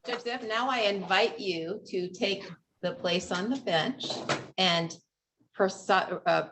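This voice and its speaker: A woman's voice: medium pitch, takes it slowly. A woman presiding over a ceremony, making formal announcements and invitations. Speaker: presiding judge leading a ceremony. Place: courtroom. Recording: faint background noise.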